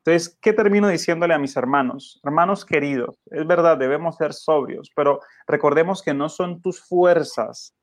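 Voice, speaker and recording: A man's voice: a little high, normal speed, few pauses, no room sound. Male pastor, earnest and emphatic sermon delivery, dry close mic. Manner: earnest, emphatic, rhetorical questions to listeners. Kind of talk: radio Bible study preaching.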